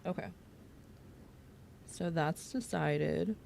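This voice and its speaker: A woman's voice: low-pitched, very slow, vocal fry, a little mellow, a little hiss or hum. A young woman chatting casually on a livestream while she works, rambling with lots of fillers. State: out of breath. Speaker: streamer. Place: home workspace.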